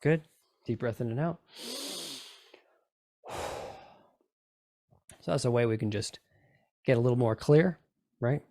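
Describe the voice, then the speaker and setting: A man's voice: mid-range voice, fairly quick, pauses often, mellow, no room sound. A man leading a group in guided relaxation, giving coaxing, repetitive instructions and often checking in with short questions. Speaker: group session leader guiding tapping and relaxation.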